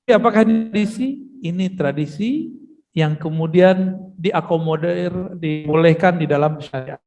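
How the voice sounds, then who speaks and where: High-voiced man preaching in a mosque hall. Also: moderate pace, vocal fry, warm tone. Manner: casual, joking asides to the audience. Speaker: preacher giving a mosque study session. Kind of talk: religious lecture with storytelling.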